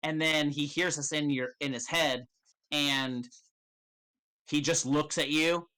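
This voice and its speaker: A man acting as game master, improvising narration in a casual, halting way and swearing freely. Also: a little high, fairly even intonation, sharp tone, smooth.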